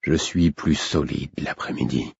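Male reader doing a worn-out old king, very low and husky, slow faint breathy words, muffled dull sound. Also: fairly even intonation, no echo, heavily acted. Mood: weary, fond. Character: frail dying old king, weary and fond.

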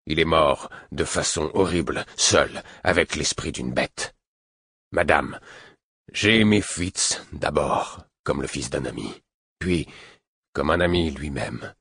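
A man reading the part of a stern, proud older man with a hoarse, guttural voice, speaking gravely and with restraint. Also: extremely low pitch, expressive, slow, a bit bright, no echo, clean studio sound, heavily acted. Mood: grave restrained.

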